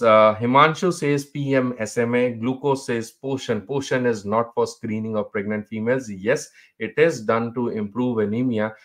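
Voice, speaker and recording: A man's voice: mid-range voice, a bit bright. A middle-aged man with a North Indian accent, teaching a live online exam review in a mix of English and Hindi, encouraging students and often repeating his phrases.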